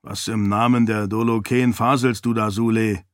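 A man's voice: on the low side, level tone, moderate pace, no room sound, clean studio sound, close to an everyday voice. A man voicing a blunt, hungry male farmer companion in an audiobook, plain and matter-of-fact. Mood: skeptical.

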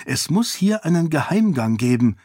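A man's voice: a little high, very animated, moderate pace, a little mellow, no echo, clean studio sound, voice pushed up. A man voicing a curious, spirited young noblewoman in an audiobook, talking eagerly and teasingly.

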